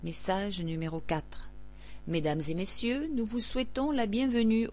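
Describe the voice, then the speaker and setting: A woman announcer reading scripted public announcements, like those at an airport or station, in a formal, measured way. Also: medium pitch, fairly even intonation, darkish tone.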